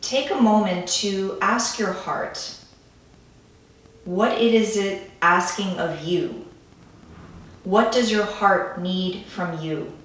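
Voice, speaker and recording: Woman, calm guided grounding meditation, gentle and soothing, medium pitch, very reverberant room, distant mic. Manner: gentle, soothing, unhurried phrasing with pauses.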